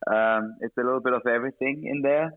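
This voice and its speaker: A music director from Germany, guest in an interview conversation, speaks in a mid-range voice at a quick pace with a German-tinged, mixed international English accent. He's relaxed and open, laughing often, heard over a dry, tinny, phone-like line.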